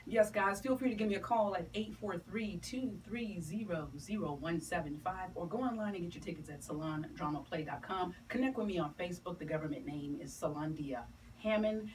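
A middle-aged woman, an entertainer and stage play producer, chats with enthusiasm and emphasis as a guest on a promotional radio interview. Her voice is on the low side and a little mellow, fairly quick with few pauses. The small radio studio is picked up by a camera across the room, so the mic sounds distant and the room ambience noisy.

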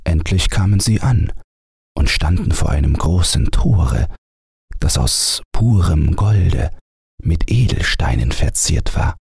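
A man reading a fairy tale aloud as a calm bedtime audiobook narrator. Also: low voice, gravelly, husky, no room sound, clean studio sound. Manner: measured storytelling voice.

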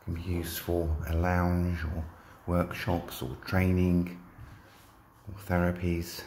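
English man, deep and monotone, casual phone walkthrough of a property, faint background hum. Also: takes it slowly. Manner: plain, matter-of-fact listing of features. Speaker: property seller giving a walkthrough. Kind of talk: casual property tour narration. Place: empty rooms of a shop building, indoors. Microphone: handheld phone, walking.

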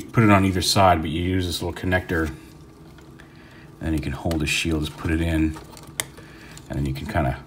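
A man with a very deep voice rambles casually through a hands-on toy review at an indoor tabletop, full of fillers and restarts. Background noise is audible.

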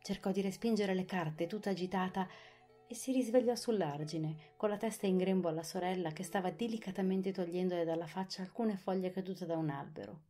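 Female audiobook narrator, low-pitched, clear and expressive, faint music bed. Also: a little fast.

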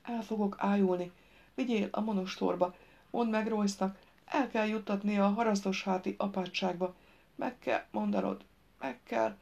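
A woman reading an audiobook, voicing a fragile wounded noblewoman who pleads softly and urgently in a weak voice. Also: medium pitch, steady tone, creaky, highs cut off, lightly acted. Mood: urgent faint.

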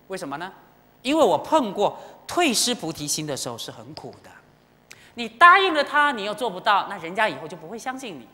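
A Buddhist dharma teacher giving an animated sermon in a temple, telling stories with feeling and often turning to the audience directly. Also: mid-range voice. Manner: animated, emotional storytelling with direct appeals. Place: temple lecture hall. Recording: long hall reverb.

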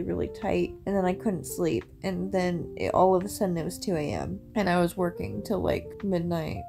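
A woman's voice: mid-range voice, a little mellow. A young woman in her twenties talking to her phone camera in a casual vlog, tired and rambling with lots of fillers, first from bed and then indoors in a small rental house. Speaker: content creator. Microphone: phone held at arm's length.

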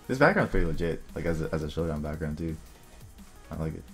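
A young man casually commentating his own online game, thinking aloud and muttering quick asides to himself. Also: extremely low pitch. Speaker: gaming video creator. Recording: faint music underneath.

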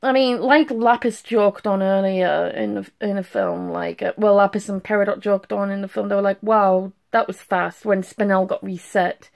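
A woman's voice: mid-range voice, steady tone, moderate pace, vocal fry, few pauses, a little mellow. A young adult woman who has just been crying gives a casual, gushing video review into a phone held at arm's length in a small room at home. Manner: emotional gushing with restarts and trailing thoughts. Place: small bedroom at home, indoors.

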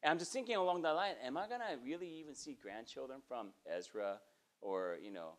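In a small indoor church sanctuary, a male pastor in his forties delivers a sermon a little fast, in a medium-pitched voice. He keeps it conversational, gestures animatedly, and often pauses to ask "okay?"

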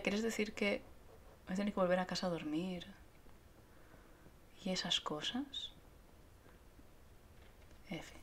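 Chatty streamer woman, lower voice. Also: slight background noise. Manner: chatty, swearing, laughing, reads chat aloud. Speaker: gameplay streamer. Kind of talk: casual gameplay commentary.

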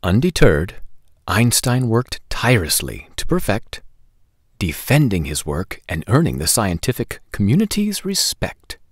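An animated children's storytime host narrates a read-aloud in a deliberate, sing-song delivery. His lowish voice is slightly rough, and the lapel-mic recording is studio quality with no room sound.

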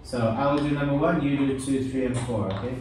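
A man's voice: mid-range voice, fairly even intonation, brisk, a little mellow. A young adult man acting as an English teacher, giving a child a speaking test and repeating questions patiently with short praise. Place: small classroom with glass walls, indoors. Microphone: far camera. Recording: echoey room from a distant camera, light noise.

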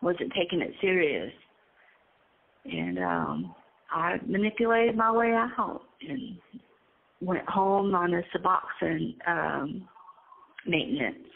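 Nervous, gravelly woman on a tinny phone line. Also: lowish voice, very animated, a little hiss or hum. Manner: hesitant, halting, with frequent ums. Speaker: incarcerated interviewee. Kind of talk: casual conversational storytelling.

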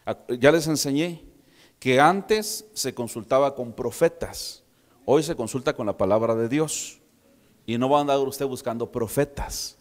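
A man from preaching a sermon, retelling a story with lively, humorous asides to his congregation. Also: mid-range voice, measured pace, long reverb tail. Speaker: pastor.

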